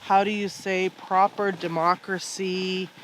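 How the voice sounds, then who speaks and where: A man's voice: high-pitched, little pitch movement, slow pace, fairly bright tone, a little hiss or hum, rough recording. A man from Alberta with a Canadian accent, giving emphatic, opinionated answers in a conversational interview. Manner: emphatic, opinionated, uses rhetorical questions. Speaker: interview guest.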